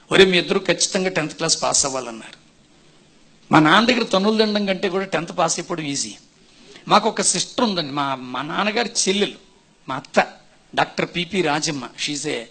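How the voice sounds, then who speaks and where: A man's voice: fairly high pitch, husky. A male pastor telling his own conversion story as a sermon testimony, acting out quotes dramatically. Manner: dramatic storytelling, rising to shouts and voiced quotes.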